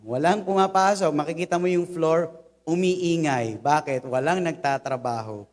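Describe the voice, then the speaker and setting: A young Filipino man gives a humorous, conversational sermon full of lively personal stories. His voice sits a little high for a man. The sound carries a long reverb from a church hall. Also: normal speed. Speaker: preacher.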